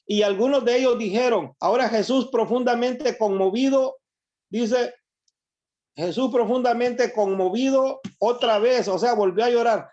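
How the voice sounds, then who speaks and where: A man's voice: extremely high pitch, a little mellow. A man preaching a sermon, reading scripture verses aloud and explaining them to his listeners. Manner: reads verses aloud and comments on them to the congregation. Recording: dull lo-fi recording.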